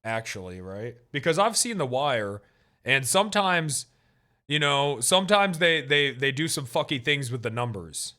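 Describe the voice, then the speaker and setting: A man's voice: mid-range voice, big pitch swings, a little slow, sharp tone. A man in his thirties hosting a casual podcast chat, joking and swearing, often restarting his sentences. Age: 30s. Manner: joking, profane, rambling with restarts. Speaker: podcast host.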